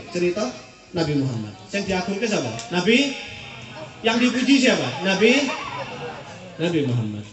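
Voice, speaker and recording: A man preaching with an East Javanese accent, telling stories in a lively way and trading call-and-response with his listeners. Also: sits high. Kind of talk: sermon. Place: prayer house at a religious celebration. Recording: echoey prayer hall, distant mic, crowd.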